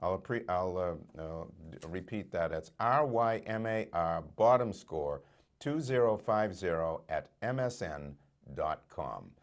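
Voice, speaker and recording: A man with a low voice and very lively intonation co-hosts a program. He presents items and chats in a casual, conversational style. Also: unhurried. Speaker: program co-host.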